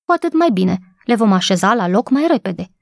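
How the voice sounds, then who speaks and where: Gentle kind housemaid, read by a woman. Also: mid-range voice, big pitch swings, creaky, no echo, clean studio sound. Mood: soothing. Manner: soothing and gentle. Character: kind tender-hearted young housemaid.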